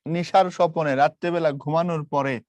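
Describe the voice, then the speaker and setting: Here the online tutor, a young man, has a slightly high, steady, somewhat mellow voice at normal speed with no echo. He repeats the main points, asks his students questions, and mixes English into his patient teaching.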